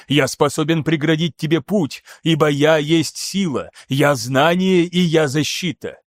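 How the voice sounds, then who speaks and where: An animated, theatrical scholar who presses his point with insistent flair, read by a man. The voice sits a little high and sounds close and dry, as in an audiobook reading. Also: no echo, natural voice. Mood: exasperated, urgent. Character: excitable theatrical male scholar, lecturing.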